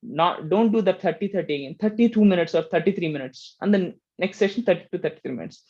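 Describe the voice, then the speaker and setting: A man teaching meditation in a gentle, explaining way, often checking in with "right?". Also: high-pitched, fast, dull audio. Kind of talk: casual spiritual teaching talk.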